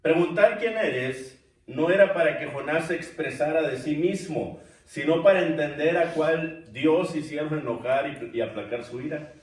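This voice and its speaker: A preacher with a slightly high voice speaks at normal speed while teaching a church Bible class. He addresses the listeners as brothers and poses questions to them, recorded by a distant mic in a reverberant church room.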